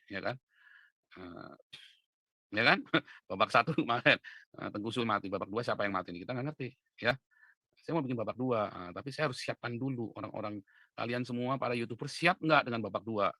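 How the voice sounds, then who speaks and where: A male preacher talks fast in a casual monologue, moving from quiet asides to loud, insistent appeals and pressing his listeners with tag questions. His voice is bright and forceful, recorded close and dry with no room sound. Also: no echo. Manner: emphatic, swings from low asides to loud insistent urging, frequent "ya kan?" tags. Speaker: preacher and online commentator. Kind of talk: casual direct-to-camera monologue.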